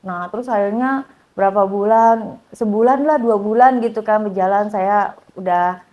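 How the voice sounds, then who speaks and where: A woman speaking as an interview guest, telling a personal story in a casual, halting way with many fillers and restarts. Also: steady tone, lo-fi sound. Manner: acts out quoted dialogue in a much higher voice.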